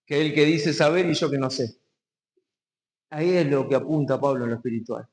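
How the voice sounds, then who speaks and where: A man from Argentina with a Rioplatense accent, preaching a sermon to his congregation, asking them questions, and reading verses slowly with emphasis before explaining key words. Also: mid-range voice, darkish tone. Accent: Rioplatense Spanish. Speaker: pastor. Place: community hall. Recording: long hall reverb.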